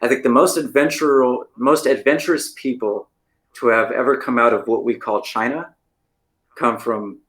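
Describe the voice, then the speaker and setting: With a medium-pitched, somewhat bright voice at a moderate pace, an American podcast co-host in Taiwan chats casually. His storytelling is loaded with "like" and "right?".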